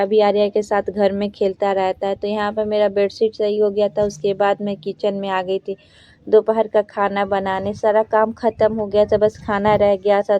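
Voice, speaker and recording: Young homemaker voice-over, woman, flat homely chatter, mellow tone, dull lo-fi recording. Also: mid-range voice, no room sound. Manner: plain, homely, rambling chatter. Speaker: vlogger, homemaker. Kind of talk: casual voice-over narration.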